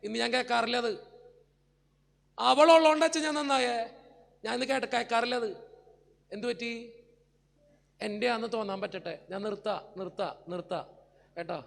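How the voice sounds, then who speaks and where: High, gravelly-voiced preaching priest. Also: male voice, fairly even intonation, a little fast, pauses often, a bit bright, big-room sound. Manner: earnest, pleading, speaks straight to the congregation. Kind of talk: emotional sermon with personal stories.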